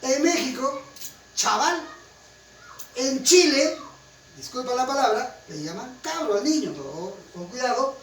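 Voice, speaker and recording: With a very high, fairly bright voice, this animated man from Huancayo speaks a little slowly and pauses often. He teaches a class in Peruvian-accented Spanish, emphatic and frequently asking students to confirm. The recording is roomy and distant, carrying faint room noise.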